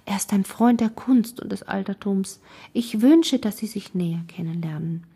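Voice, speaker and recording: A woman voicing a quiet, earnest young woman in an audiobook, speaking half-hushed with a breathy voice. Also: medium pitch, moderate pace.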